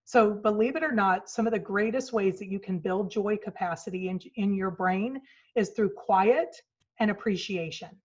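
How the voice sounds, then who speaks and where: A woman in her forties speaks at a virtual retreat with an earnest storytelling manner, acting out quoted lines. Her voice sits at an ordinary middle pitch. The sound is a little dull and muffled, like audio from a video call. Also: normal speed, a little mellow. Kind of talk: motivational talk. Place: home office. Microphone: video call mic.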